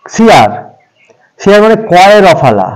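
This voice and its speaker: Male tutor, fairly high voice with very animated pitch, patient and repetitive delivery for beginners. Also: poor audio. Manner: patient, addresses viewers as friends, repeats examples slowly. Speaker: English teacher. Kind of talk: pronunciation lesson for beginners.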